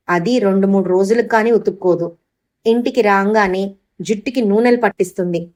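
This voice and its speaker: A woman narrating an audio story in an expressive storytelling manner. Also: mid-range voice.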